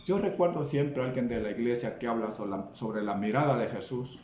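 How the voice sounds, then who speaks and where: A man with a Salvadoran Spanish accent preaching a sermon, slow and emphatic, asking the congregation questions. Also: medium pitch, darkish tone, a little hiss or hum. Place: church hall. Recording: echoey church room.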